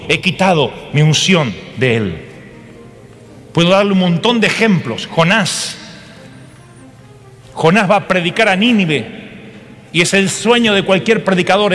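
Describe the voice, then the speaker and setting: A man preaching an animated sermon to a church, acting out voices with humor. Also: high-pitched, big-room sound.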